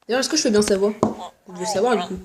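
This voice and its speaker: A woman's voice: mid-range voice, rapid-fire, noisy background. A young woman YouTuber giving casual, mocking commentary on other channels, joking and plugging her own videos. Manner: mocking, jokey, self-promoting.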